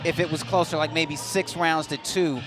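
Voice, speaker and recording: A man's voice: a little high, steady tone, moderate pace, over music. A man giving live boxing analysis as a commentator.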